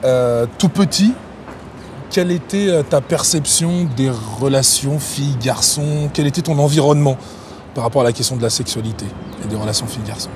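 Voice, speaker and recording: A man's voice: medium pitch, normal speed, noisy background. A man interviewing a guest in a casual, informal way, prompting him with short replies.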